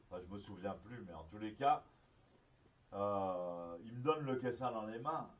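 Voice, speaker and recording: A man teaching as a zen teacher, telling a story in a halting way with many restarts. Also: on the low side, animated. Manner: halting, with frequent restarts and fillers. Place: meditation hall. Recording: distant, dull lo-fi archive recording.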